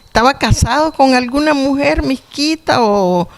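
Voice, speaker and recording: A woman's voice: high-pitched, a little slow, slight background noise. A woman, asking questions conversationally as an interviewer.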